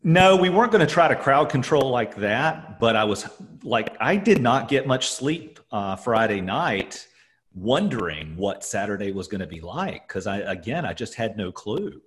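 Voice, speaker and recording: Guy with a lowish voice talking from an echoey empty office, rambly, lots of uhs. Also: big pitch swings. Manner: rambling, halting, many fillers and restarts. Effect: echoey sound from an empty office. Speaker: podcast co-host. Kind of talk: casual chat.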